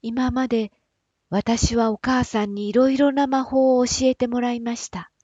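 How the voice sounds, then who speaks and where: A woman voicing a gentle, kind-hearted giant man in a storybook reading, speaking earnestly and a little quickly. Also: on the high side, level tone, slightly rough, no echo. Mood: pleading. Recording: dull, dry, slightly lo-fi recording.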